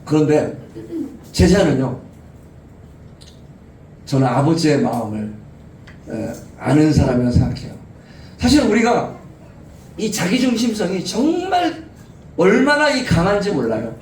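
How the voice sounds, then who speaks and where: A middle-aged pastor preaches to young adults with an animated, storytelling manner. His voice sits high for a man and rings through a roomy hall. He is picked up from a distance, with faint ambience behind him. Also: unhurried, pauses often, slight background noise. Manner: animated, acts out quoted voices with laughter. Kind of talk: sermon at a youth retreat. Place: church retreat hall.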